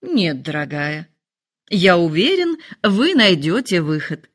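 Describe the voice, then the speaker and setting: A dry, quietly teasing middle-aged husband answers with calm irony, voiced by a woman reading aloud. His lines keep a lively lilt despite the deadpan wit. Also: on the low side, slow pace, heavily acted. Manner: dry, calm, mildly ironic.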